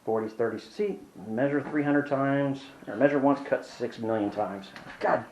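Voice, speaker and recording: A man's voice: medium pitch, normal speed, a little mellow, slight background noise, low-quality recording. Sweaty, rambling man in a workshop. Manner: rambling, self-deprecating, swears when frustrated. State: hot and sweaty, out of breath. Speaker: woodworking vlogger. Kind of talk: casual workshop narration. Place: hot home workshop. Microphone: handheld camera.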